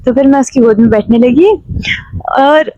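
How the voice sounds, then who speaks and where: A woman's voice: sits high, moderate pace, dark tone, muffled recording. A young woman from Himachal Pradesh, a vlogger telling a story to camera in a chatty way with many fillers and restarts. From Himachal Pradesh, India.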